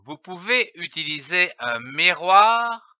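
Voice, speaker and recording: A man giving a careful phonics lesson, sounding out letters and syllables one at a time. His voice is bright and animated, and it sits a little high. The recording is dry and a bit dull, as if from a close, lo-fi mic. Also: takes it slowly, clear, resonant tone, dry recording. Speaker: reading teacher.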